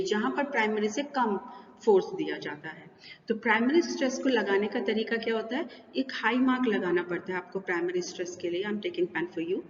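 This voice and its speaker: An Indian woman teaches an English lesson in a measured classroom voice. She poses questions and then answers them herself, mixing Hindi with English terms. She sounds distant in a roomy, reverberant space, with a dull, lo-fi tone and a faint hiss underneath. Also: fairly high pitch. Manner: explains in Hindi mixed with English terms, asks and answers her own questions. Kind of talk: bilingual classroom-style lesson.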